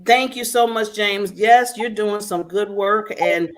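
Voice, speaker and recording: A woman's voice: mid-range voice, fairly even intonation, a little slow. A woman hosting a casual online talk show over a video call, chatty and laughing often.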